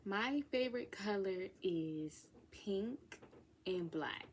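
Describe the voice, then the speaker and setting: A woman's voice: medium pitch, lively intonation, slow pace, a little hiss or hum. A woman of twenty chatting casually in a Q&A vlog, sassy and playful, with whispered asides. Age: 20s. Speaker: vlogger. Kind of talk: casual get-to-know-me Q&A.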